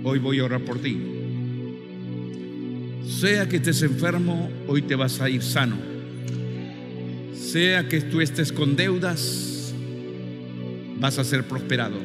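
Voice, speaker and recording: A male preacher delivering a fervent sermon, pushing into shouted call-and-response and then dropping to low, earnest appeals. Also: slow, long pauses. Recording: long hall reverb with faint music.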